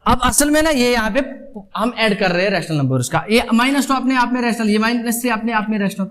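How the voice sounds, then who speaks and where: A man's voice: very high-pitched, animated, fast, fairly bright tone, a little hiss or hum. A male math teacher giving a classroom lecture, addressing students as "beta", mixing Hindi and English, and repeating points with rhetorical questions.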